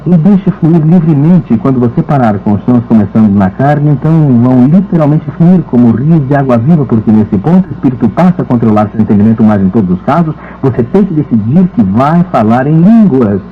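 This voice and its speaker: A man's voice: medium pitch, lively intonation, brisk, hardly any pauses. Man preacher, phone-like sound. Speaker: preacher teaching on ministry. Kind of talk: dubbed teaching talk. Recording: narrow phone-like recording.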